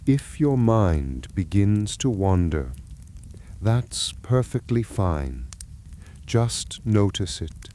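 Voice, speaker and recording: Very slow, deep-voiced male sleep story narrator. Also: slight background noise. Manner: hushed, gentle, calming delivery with long pauses. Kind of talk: soothing scripted sleep story and guided relaxation narration.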